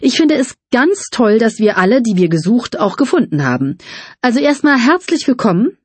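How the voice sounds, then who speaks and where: A woman's voice: fairly high pitch, sing-song, slightly rough, no room sound, voice pushed up. Woman reading as Ruth, an eager party organizer. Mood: chatty. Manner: brisk, chatty speech-giver.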